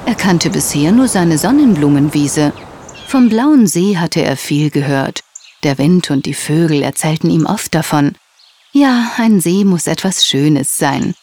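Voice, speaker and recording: A woman narrating a children's story in a gentle, expressive way. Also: sits low, slight background noise.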